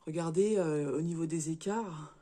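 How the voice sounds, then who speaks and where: A married woman, a little hoarse and stuffy from a cold and slightly out of breath, showing her craft work in a casual vlog, talking haltingly with many fillers and restarts. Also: low-pitched, mellow. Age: adult, married. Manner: chatty, tags sentences with "hein". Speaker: crafts vlogger. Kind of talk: casual show-and-tell vlog.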